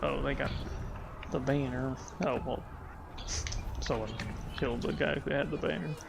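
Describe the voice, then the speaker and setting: A man's voice: medium pitch, steady tone, moderate pace, vocal fry, background noise. A man hosting a gaming video, chatting casually with a friend while playing, rambling with lots of fillers. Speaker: gaming channel host. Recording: loud keyboard typing behind.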